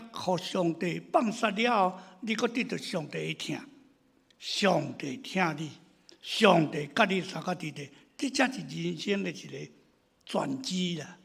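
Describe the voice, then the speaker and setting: Pastor guy preaching, high voice that jumps all over, kinda gravelly, acts out people's complaints then drops real quiet. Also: unhurried. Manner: animated storytelling, acting out his congregants' complaints; swings between loud exclamations and hushed asides. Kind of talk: sermon.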